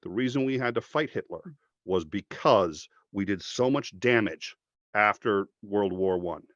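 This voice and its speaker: A man with a low voice argues his point with heat and plenty of swearing, now and then slipping into mocking voices. The audio is dry and a little dull, like a home podcast setup. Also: a little slow, dry recording. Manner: animated, profane, jumps into mocking voices for quotes. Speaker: podcast guest. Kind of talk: passionate conversational argument.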